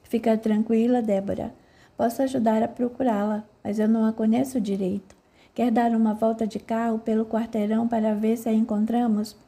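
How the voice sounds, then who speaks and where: A woman voices a kind young man from a spoken novel, gentle and reassuring. The tone is very dark and mellow and sits a bit high. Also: little pitch movement, fairly quick, lightly acted. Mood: calm, caring.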